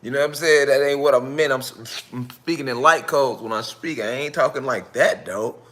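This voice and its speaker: Male host of a casual night-class stream, loose and repetitive, talking right at the audience, with a keen, forceful edge. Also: medium pitch, moderate pace. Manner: loose, profane, repetitive, talks straight to the audience. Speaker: lecturer hosting an online night class. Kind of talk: casual live-stream lecture.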